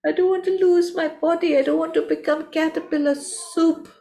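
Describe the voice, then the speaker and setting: A woman voicing a small, frightened young caterpillar in a storybook tale, with a high, pleading, panicky voice. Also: expressive, unhurried, dark tone.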